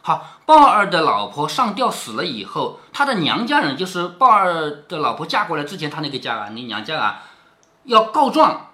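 A man's voice: a little high, huge pitch swings, moderate pace, sharp tone. A man reading a classic novel aloud to his daughter, stopping to explain and quiz her with questions. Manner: explains and keeps asking the listener questions. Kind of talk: storytelling with commentary.

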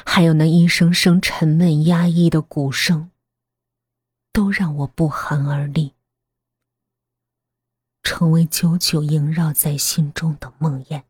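A woman narrating a horror story in a hushed, half-whispered voice. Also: deep voice, little pitch movement, slow, long pauses, husky, no echo, clean studio sound. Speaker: voice actor narrating.

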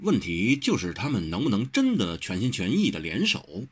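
A thoughtful young swordsman, voiced by a male reader explains things in a measured, steady way. His tone is husky, and his pitch moves widely. It is a storybook reading of a martial-arts tale. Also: exaggerated voice.

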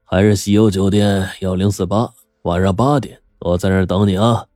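A male storyteller voicing a sly, grinning middle-aged blackmailer who talks in a smug, mocking, drawn-out way. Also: sits low, steady tone, a little mellow, no echo, clean studio sound, soft background music, lightly acted. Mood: gloating.

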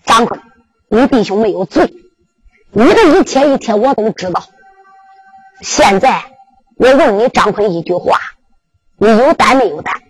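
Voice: mid-range voice, animated, measured pace, pauses often, slightly rough, no echo, soft background music, poor audio. A storyteller with a Henan accent voicing an elderly prince who declaims his commands in a commanding, fatherly manner. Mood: approving.

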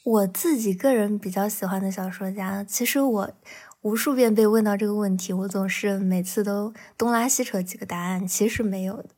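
A woman's voice: mid-range voice, fairly even intonation, normal speed, mellow. Woman, novelist guest, casual podcast talk, reflective, candid. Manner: candid, reflective, laughs between thoughts.

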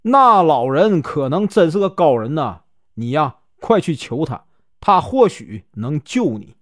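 A man's voice: on the high side, very animated, unhurried, dry recording, clean studio sound. Guy voicing an old mom urging her son, earnest, northeastern accent. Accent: Northeastern Mandarin. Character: elderly mother, earnest and hopeful.

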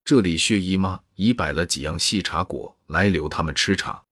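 Low, husky male narrator. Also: normal speed, fairly bright tone, no echo, studio quality. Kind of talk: reading a classic novel aloud.

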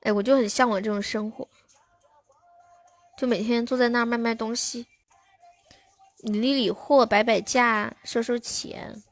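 A young woman runs a casual live stream and answers viewer comments as they come in. Her voice sits a little above average, close to the mic in a dry room. Soft music plays faintly behind her. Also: on the high side, dry recording. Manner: chatty, reads viewer comments aloud and answers them.

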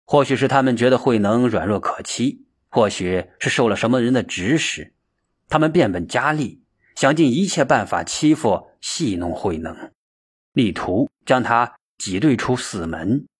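A male storyteller with a husky, mid-pitched voice narrates at a calm, measured pace. His telling is steady and even, as in a read-aloud story.

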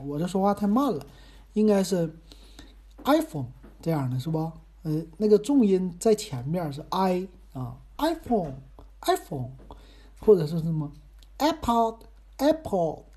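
A man's voice: high voice, dark tone. A man with a Northeastern Mandarin accent hosting his own podcast in a chatty, rambling, self-deprecating monologue. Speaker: podcast host. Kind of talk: casual monologue.

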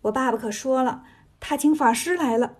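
A woman's voice: sits high, moderate pace, a little mellow, husky. Sun Wukong, a woman doing a cocky monkey hero. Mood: teasing. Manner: cocky, teasing. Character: cheeky male monkey hero, brash trickster.

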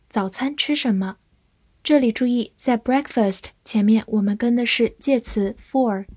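A woman giving a scripted vocabulary lesson, spelling words out letter by letter and reading example sentences slowly. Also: on the high side, dry recording. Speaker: English teacher.

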